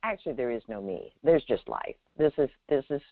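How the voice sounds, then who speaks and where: Over a tinny telephone line, a woman with a very deep voice and big pitch swings hosts a Zen call-in, offering unscripted spiritual guidance with no echo. She speaks in a measured, halting way, pausing often and asking emphatic check-in questions.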